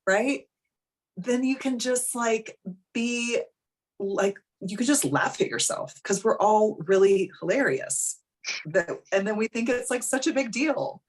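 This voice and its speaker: A woman's voice: a little high, unhurried. A woman in her thirties, a life coach talking frankly and casually on a live coaching call, full of "like" and the odd swear word.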